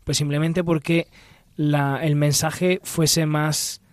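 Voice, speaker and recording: A man's voice: fairly high pitch, level tone, slow pace, no echo, clean studio sound. A man from Italy speaking Spanish, a religious guest on radio, thinking aloud and searching for his words.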